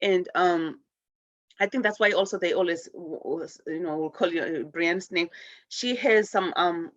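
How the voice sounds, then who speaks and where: A woman leading a spiritual group call, speaking earnestly and haltingly with repeated words. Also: fairly low pitch, dry recording. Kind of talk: encouraging group talk. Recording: dull lo-fi call audio.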